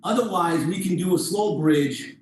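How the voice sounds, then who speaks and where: High-voiced male martial arts coach, very echoey. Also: normal speed, darkish tone. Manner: informal, explanatory, step-by-step. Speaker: jiu-jitsu instructor. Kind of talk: hands-on class demonstration. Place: indoor training room. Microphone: distant camera microphone. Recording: distant mic, very echoey room, faint noise.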